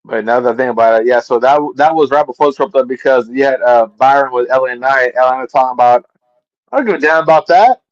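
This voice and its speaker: A man's voice: mid-range voice, little pitch movement, quick pace, hardly any pauses, no echo, dull audio. A man hosting a casual live-stream show, recapping wrestling events at length with stumbling restarts.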